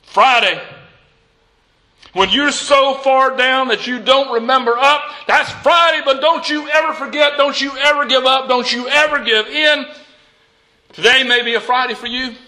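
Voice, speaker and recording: Very high, bright-voiced male preacher. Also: normal speed, rough recording. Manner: storytelling preacher with a repeated call-and-response refrain; emphatic, building from soft to shouting. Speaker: pastor. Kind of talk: Easter sermon.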